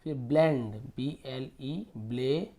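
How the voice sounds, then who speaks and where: A man from India teaching English pronunciation, slowly repeating words and spelling them letter by letter. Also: mid-range voice, mellow.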